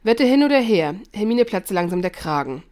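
Female narrator for a fan audiobook; lively read-aloud with small slips. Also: mid-range voice, normal speed. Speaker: fan fiction reader.

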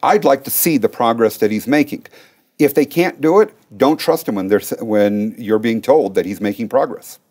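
Middle-aged guy, attorney on an interview show, firm, explains stuff with everyday examples, mid pitch. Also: moderate pace, darkish tone. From Russia. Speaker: education law attorney, guest. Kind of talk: interview conversation.

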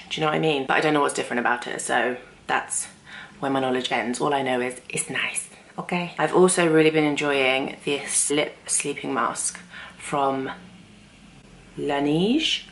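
Low gravelly-voiced chatty woman. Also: fairly even intonation, normal speed, fairly bright tone, slight background noise. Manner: chatty, self-deprecating, rambling asides. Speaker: vlogger. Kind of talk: casual vlog chat. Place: home.

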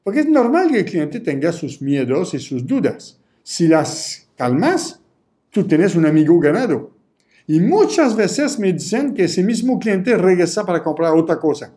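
A man's voice: sits high, very animated, unhurried, mellow. A man teaching an online sales course, repeating himself and acting out customer chats in little voices. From Canada. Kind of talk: energetic sales lesson.

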